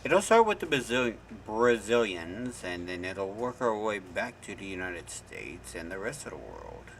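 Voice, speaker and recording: A man with a lowish, lively voice chimes in on a live stream. He tosses in dry wisecracks and casual asides. A faint noise sits behind him. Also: measured pace, creaky.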